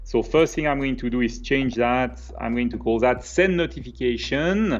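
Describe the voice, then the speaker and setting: A Swiss French man co-hosts a live coding stream from his home office, presenting as a developer and explaining the code step by step in a relaxed, conversational way. Heard through a webcam video call, his medium-pitched voice keeps a moderate pace and sounds lo-fi.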